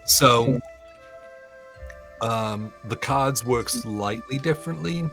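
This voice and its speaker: A man running a tabletop game on a live stream, explaining the rules in a relaxed, enthusiastic way and swearing casually. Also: medium pitch, takes it slowly, gravelly, faint music behind. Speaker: game master.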